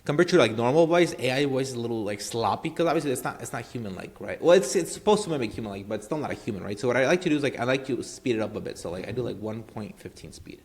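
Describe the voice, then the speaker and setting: Rapid-fire, with few pauses and lively intonation, this medium-pitched man hosts a casual screen-share marketing tutorial. He rambles, piles on fillers and tag questions, and keeps repeating "obviously" and "right."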